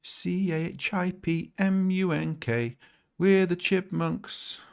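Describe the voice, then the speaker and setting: A man doing a high, squeaky chipmunk voice while singing slowly and drawing the words out. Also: steady tone, creaky, full character voice. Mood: sing-song. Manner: high squeaky sung impression, slow and drawn out. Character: squeaky cartoon chipmunk singer, chirpy. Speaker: gamer playing a horse racing game.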